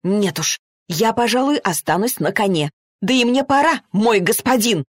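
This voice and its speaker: A woman reads the part of an indignant young heroine, her medium-pitched, expressive voice close to an everyday one but pushed up. She speaks at a moderate pace, and the sound is clean studio audio with no room sound.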